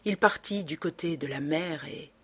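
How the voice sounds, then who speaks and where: A woman narrating an audiobook with a dramatic, expressive reading. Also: low voice, moderate pace.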